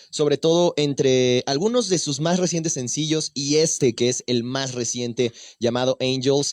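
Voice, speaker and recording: Radio host, dry booth sound. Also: male voice, medium pitch, a little mellow, dry recording. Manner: halting, repeats words while asking long questions. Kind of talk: bilingual radio interview.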